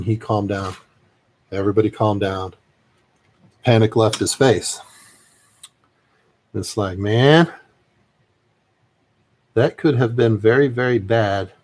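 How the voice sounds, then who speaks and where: A man's voice: fairly low pitch, slow, pauses often, slight background noise. A man chatting casually and reflectively as he paints miniatures, rambling and trailing off at times. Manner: rambling, soft-spoken, trails off. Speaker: miniature painter and army veteran.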